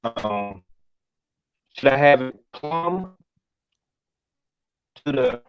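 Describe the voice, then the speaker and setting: A man on a video call whose connection keeps breaking up, talking casually in a halting, hesitant way with frequent restarts. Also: a little high, wildly swooping pitch, vocal fry, clear, resonant tone, soft background music. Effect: choppy, breaking-up video call connection. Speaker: person asking for building advice. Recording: dull lo-fi internet call audio.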